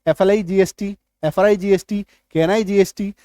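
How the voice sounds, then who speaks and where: With a warm, steady, high-pitched voice at normal speed, this man teaches English spelling in a classroom at the whiteboard. He goes letter by letter through words, checks often that his students keep up, and repeats main points as questions he answers himself. There's no room sound.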